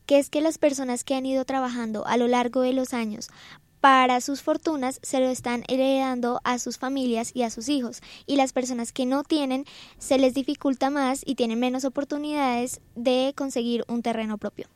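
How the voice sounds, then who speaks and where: A woman with a Bogotá accent in an amateur radio drama, talking in an animated, emphatic way. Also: high-pitched, normal speed, no echo. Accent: Bogotá Colombian Spanish. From Bogotá, Colombia.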